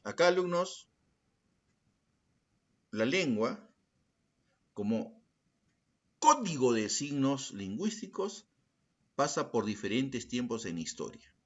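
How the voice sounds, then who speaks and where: A man teaching a secondary school language class speaks slowly at medium pitch, with big pitch swings and frequent pauses. He calls on students by name, repeats their answers, and poses questions in their voice, rhetorical ones included.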